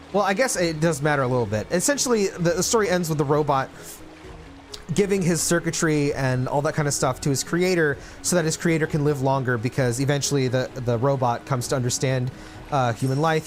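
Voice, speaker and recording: A man in his late twenties talking casually to his livestream chat, reflective and rambling with many fillers and restarts. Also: medium pitch. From Philippines. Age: 20s. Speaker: streamer.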